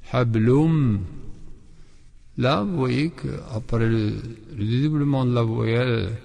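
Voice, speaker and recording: A man's voice: medium pitch, normal speed, vocal fry, darkish tone, big-room sound. A man teaching the rules of Quran recitation, explaining patiently and repeating syllables again and again, with chanted examples. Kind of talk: tajwid lesson with chanted examples.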